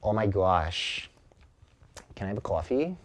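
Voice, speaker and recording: Give me a drawn-out, nasal New York character with a broad accent, as a man lays it on thick. He talks slowly and leans on every vowel. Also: on the low side, sing-song. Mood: playful. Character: exaggerated New York man ordering coffee.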